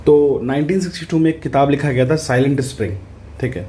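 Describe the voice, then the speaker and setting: Man tutoring in a mellow voice. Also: a little high, slight background noise. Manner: conversational, repeats "ठीक है" to check in, reads English questions out slowly. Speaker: exam prep tutor. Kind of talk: casual explanatory lesson.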